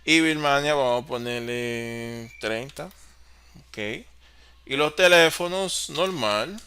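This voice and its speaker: A man teaching an online class on office software, explaining step by step and answering his own questions. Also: mid-range voice, takes it slowly, clean tone. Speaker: course facilitator.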